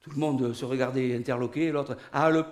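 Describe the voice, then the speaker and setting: A man telling a comic story in an animated way, full of sound effects. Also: medium pitch, quick pace. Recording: studio recording.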